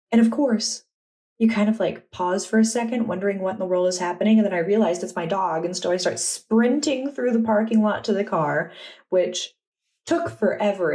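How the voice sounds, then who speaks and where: Mellow-voiced woman chatting casually. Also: mid-range voice. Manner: chatty, relaxed and enthusiastic. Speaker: vlogger. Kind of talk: casual vlog narration.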